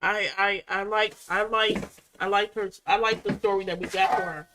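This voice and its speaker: A woman's voice: medium pitch, fairly even intonation, moderate pace, bright, forceful tone, a little hiss or hum. A woman chatting casually at home as a reaction vlogger, rambling with restarts as she recaps a show. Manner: rambling, frequent restarts and fillers.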